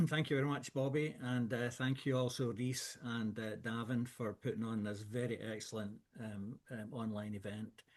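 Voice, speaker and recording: A man speaks with a broad Scottish accent at a medium pitch. He presents online as a business owner would, halting and picking his way through phrases with frequent pauses. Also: level tone, a little mellow. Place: speaking into a microphone on an online call.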